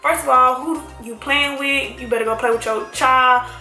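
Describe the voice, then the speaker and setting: A young woman with a high voice tells a story straight to camera at a moderate pace, animated, slangy and emphatic, calling her viewers "y'all." The room is echoey, with faint music playing.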